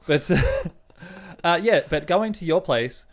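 A man's voice: fairly high pitch, expressive, takes it slowly. A man co-hosting a podcast, chatting casually, rambling and swearing, often laughing. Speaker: podcast co-host. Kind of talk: casual chat.

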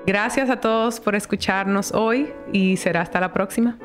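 A woman's voice: medium pitch, normal speed, loud music behind the voice. A woman with a Dominican Caribbean Spanish accent, chatting casually as a podcast host.

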